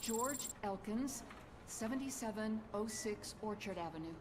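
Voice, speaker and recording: A woman's voice: medium pitch, lively intonation, measured pace, natural voice. An actress playing a worried middle-aged mother pleading with the police to find her missing son. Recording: video game audio with clear background noise.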